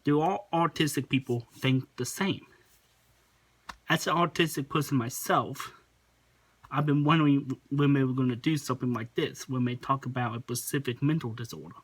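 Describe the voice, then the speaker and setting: A man hosting a reaction video, talking casually and rambling, sometimes pausing to search for his words. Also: medium pitch, husky.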